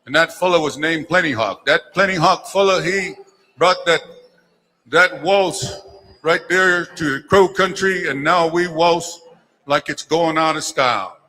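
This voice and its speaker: A man emceeing a powwow, rallying the dancers with folksy, encouraging humor. His voice is slightly high and very bright and forceful. It rings out over a gymnasium PA with long reverb. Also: a little slow. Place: large indoor gymnasium.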